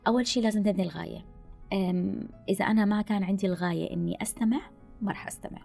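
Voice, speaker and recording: Woman, podcast guest, rapid advice-giving, gravelly fry, faint music behind. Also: medium pitch. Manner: animated advice-giving, mixes in English phrases. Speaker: guest speaker on listening skills. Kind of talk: podcast conversation.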